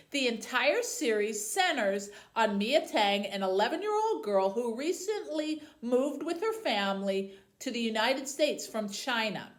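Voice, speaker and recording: Addressing tweens at a book program, this youth services librarian has a fairly high, very animated voice that moves up and down. She takes her time, speaking slowly and deliberately as if reading aloud or giving a book talk.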